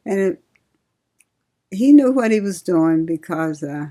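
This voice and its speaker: Slow-talking older woman reminiscing. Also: fairly low pitch, lively intonation, dark tone. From Cincinnati, Ohio. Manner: slow, reminiscing, laughs often. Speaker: interviewee, retired nurse. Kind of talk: oral history interview.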